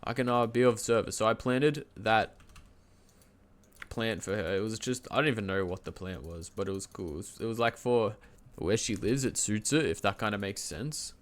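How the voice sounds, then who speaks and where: A young man with a cold, his voice stuffy and nasal, rambles through a story to his live stream chat from his home setup, standing and moving around as he talks. His fairly low voice comes at a normal speed, loose and chatty, full of fillers and restarts, and he laughs mid-sentence.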